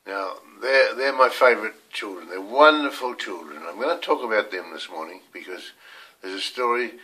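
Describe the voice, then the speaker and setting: A man's voice: lowish voice, normal speed, sharp tone, poor audio. A man in his seventies with a New Zealand accent, talking candidly to camera at home in a rambling personal video diary, swearing casually. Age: 70s. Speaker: video diarist. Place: room at home.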